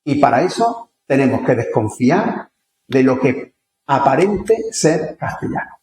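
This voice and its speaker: Speaking in a slightly slow, somewhat mellow, sing-song voice of medium pitch, this Andalusian conference speaker lectures in an echoey lecture hall. His tone stays conversational as he peppers the audience with rhetorical questions.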